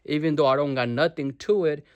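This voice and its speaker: A man's voice: on the high side, brisk, clean tone, dull audio. A young man from Nepal, a vlogger in his bedroom, giving a casual motivational talk to camera, full of slang, swearing and calls of "bro".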